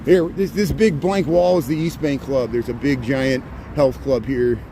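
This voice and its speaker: A man's voice: mid-range voice, fairly even intonation, unhurried, warm tone. A man from the American Midwest hosting a casual walking livestream, rambling and chatty and laughing often, recorded outdoors on a city street on a handheld phone. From Indiana, US Midwest. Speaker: livestream host. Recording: street traffic noise behind.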